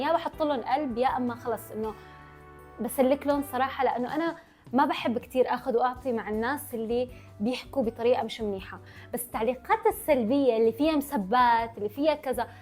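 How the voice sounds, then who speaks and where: A young woman with a Levantine Arabic accent answers her followers' questions in a casual vlog, her words running together. Her voice is slightly high.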